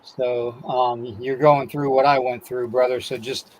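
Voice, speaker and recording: He hosts a live-stream podcast, reading a long disclaimer and then greeting chat viewers individually by name while saying his voice is giving out. His medium-pitched voice has little pitch movement and a measured pace, and the low-quality recording carries slight background noise.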